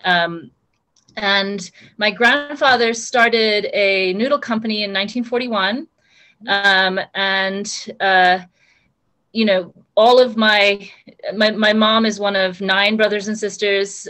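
A woman's voice: medium pitch, steady tone, takes it slowly, bright, forceful tone. A young woman from Hong Kong, speaking on a video call from a room at home, talking casually with many ums and restarts. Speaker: panelist. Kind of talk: casual conversational answer.

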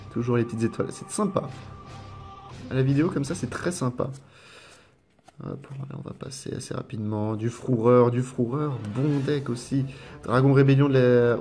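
Casting: French guy, casual rambling unboxing commentary, mid pitch, faint music underneath. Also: darkish tone. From France. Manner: rambling, repeats words, lists card names. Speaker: YouTuber unboxing trading cards.

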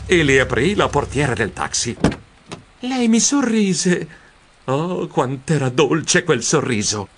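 A nervous, romantic mouse, read by a man tells his own story in an audio storybook. His voice sits somewhat high and jumps around wildly in pitch. Exclamations shoot up suddenly and then fall back. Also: slow pace, background noise. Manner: expressive, swooping exclamations. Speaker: narrator. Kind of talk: audiobook narration.

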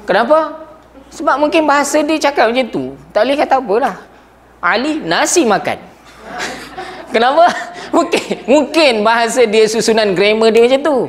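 A man with a high voice lectures a grammar class in a lively way. He keeps stopping to check that his students follow. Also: a little hiss or hum. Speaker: Arabic grammar teacher.

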